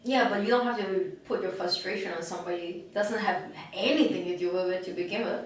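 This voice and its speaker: A woman's voice: mid-range voice, fast talker. A woman co-hosting a podcast in casual chat, blunt and brief in her replies. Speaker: podcast co-host. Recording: very echoey room, mic far off.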